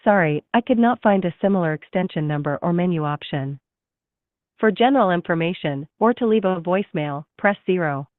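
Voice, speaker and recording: A woman's recorded phone menu voice, set a little low, reading options in a slow, measured, polite way. It comes through a tinny phone line with a dry, close sound and no room around it. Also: no room sound. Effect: recorded automated phone menu. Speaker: automated phone system voice. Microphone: heard through a phone call.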